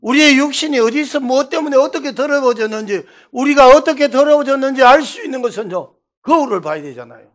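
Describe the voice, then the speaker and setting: A middle-aged man from Daegu with a Gyeongsang accent, preaching a revival sermon and telling stories with loud bursts and hushed asides. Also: very high-pitched, fast talker, hardly any pauses. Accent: Gyeongsang Korean. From Daegu, South Korea. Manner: animated storytelling, swinging between loud bursts and hushed asides. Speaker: pastor.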